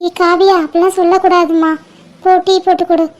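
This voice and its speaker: A woman voicing a gentle, resigned young woman about to be married, soft-spoken and tender in an amateur audio drama. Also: very high voice, level tone, fairly quick. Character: sorrowful young bride-to-be, gentle elder sister. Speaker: elder sister.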